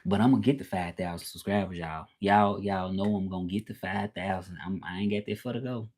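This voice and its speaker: A Southern US man in his 30s hosts a casual livestream, chatting with viewers in a deep, darkish voice with fairly even intonation. He talks briskly and rambles, repeating himself as he reads out chat messages and answers them.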